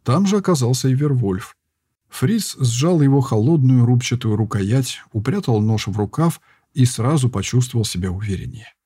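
A male audiobook narrator with a mellow, husky voice. He tells the story expressively, with lively rises and falls. The sound is dry and close to the mic. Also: medium pitch, normal speed, no echo. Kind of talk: scripted narration.

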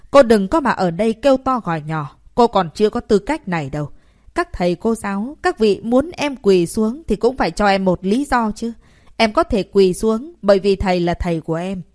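A woman voicing a proud young female martial artist who talks back forcefully and indignantly. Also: medium pitch, lightly acted.

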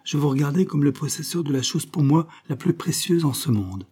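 A man's voice: fairly high pitch, lively intonation, a little fast, dark tone, breathy edge, voice pushed up. A man voicing an earnest young suitor. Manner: earnest, formal.

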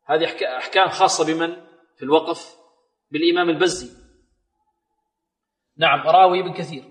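A man teaching recitation who quizzes his listeners, answers his own questions, and slowly repeats words to model how they should sound. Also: fairly high pitch, fairly bright tone, roomy sound, big-room sound. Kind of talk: recitation lesson.

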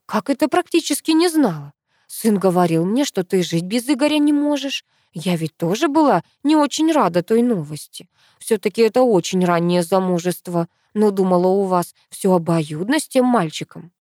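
A woman voicing a caring, fretful old grandmother who speaks slowly and soothingly. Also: medium pitch, expressive, darkish tone, no room sound, studio quality, close to an everyday voice. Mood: puzzled.

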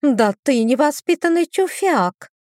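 A woman voicing a haughty young female demon sister who squeals her indignant exclamations in a raised, shrill voice. The lines are read close to the microphone, with no room sound. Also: unhurried, darkish tone, no echo, lightly acted.

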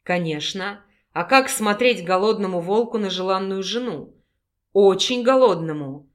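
A woman reading an audiobook and voicing a gruff, possessive male wolf-pack leader with a low growling manner. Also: animated, a little slow, lightly acted. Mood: hungry, teasing.

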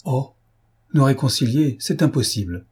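A man's voice: mid-range voice, expressive, normal speed, dark tone, breathy edge. A man voicing an impish, badly-behaved young noblewoman in an audiobook, teasing and impertinent.

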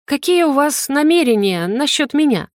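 An indignant young heroine with a sharp tongue, as a woman reader puts her on for an audiobook. Her voice sits a little higher than the narration, quick with retorts. The sound is dry and close. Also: fairly even intonation, no echo.

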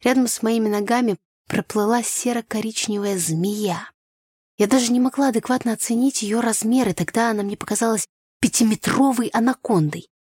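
A woman reading a first-person young-adult novel aloud, lively and acting out the dialogue. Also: fairly high pitch, fairly quick, slightly rough, dry recording, clean studio sound. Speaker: audiobook narrator.

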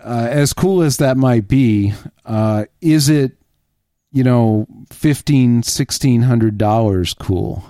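A man's voice: mid-range voice, slow pace, dark tone, clean tone, dry recording, studio quality. A man co-hosting a tech podcast, chatting in an informal, opinionated way. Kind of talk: casual chat.

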